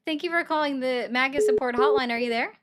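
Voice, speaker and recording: A woman's voice: high-pitched, fast talker, heavy background noise. A woman hosting a political call-in livestream, talking bluntly and pushing back firmly on her callers. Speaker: host taking viewer calls.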